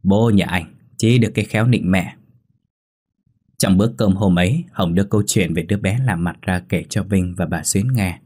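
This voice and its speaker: A man narrating a ghost story in a steady, measured storytelling voice. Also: low voice, breathy edge. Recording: faint background music.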